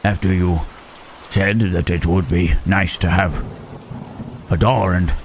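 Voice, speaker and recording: A man voicing Frankenstein's monster as a lonely, gentle creature who stammers and speaks formally in an ASMR roleplay. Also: low voice, steady tone, slow, a little hiss or hum. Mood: tender, shy. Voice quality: hesitant, stammering, formal speech. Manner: soft questioning tags, huh, eh, hmm. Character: lonely, gentle male monster, shy and halting. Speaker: voice actor.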